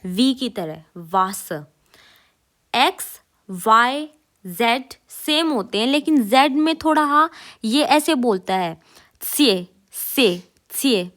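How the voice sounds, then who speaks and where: A woman, teaching a casual lesson and repeating each sound slowly and clearly for learners. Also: on the high side, animated, fairly bright tone. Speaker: German teacher.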